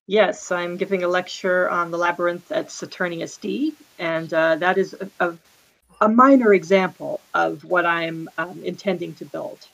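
A woman's voice: fairly low pitch, steady tone, moderate pace, creaky, a bit bright, muffled recording. A woman playing a tabletop game, speaking in character in an earnest, hesitant way with many fillers. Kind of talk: in-character role-play.

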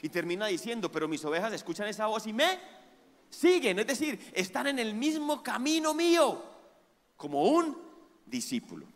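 Animated high-voiced preacher in a hall. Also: male voice, normal speed. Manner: call-and-response with congregation; swings from hushed to loud emphatic preaching. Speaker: pastor. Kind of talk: sermon.

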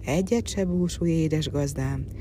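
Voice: mid-range voice, background noise, natural voice. A storyteller voicing a faithful talking horse. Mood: reassuring. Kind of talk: storybook reading.

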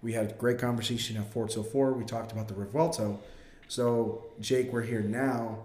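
Man, podcast host, nasal, congested with a cold, emphatic slangy chat, medium pitch, echoey room. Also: steady tone, normal speed, darkish tone. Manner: emphatic, slangy, bro-style address. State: getting over a cold. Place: home dining room, indoors. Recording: roomy echoing indoor sound.

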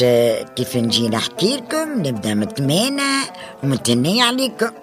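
Animated Tunisian folk-tale grandma. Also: female voice, low-pitched. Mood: chatty, inviting. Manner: colloquial, chatty, dramatic storytelling. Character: folksy grandmother storyteller, Mama Rafia, addressing children. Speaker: storyteller.

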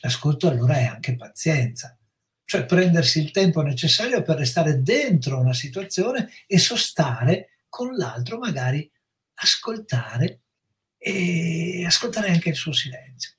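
Measured Italian-speaking male psychologist. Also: a little high, expressive, fairly bright tone. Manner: measured, explanatory. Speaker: psychologist guest. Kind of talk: reflective educational talk.

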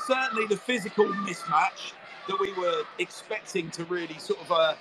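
Male live football presenter, high register, informal interviewing style, clear ground noise behind. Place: football ground commentary box. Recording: noisy live stadium broadcast, clear background noise. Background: stadium ambience.

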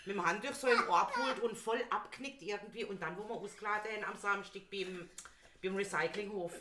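A woman's voice: medium pitch, fairly quick, reverberant, a loud crowd. A woman co-hosting a podcast, chatting casually and teasing her friends over wine. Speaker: podcast co-host. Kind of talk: casual tipsy chat.

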